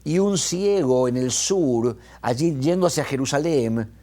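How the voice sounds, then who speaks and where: A man preaching a sermon, talking in an animated way and often restarting his words. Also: medium pitch, measured pace. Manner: animated, retells scenes with quoted voices, restarts. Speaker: pastor.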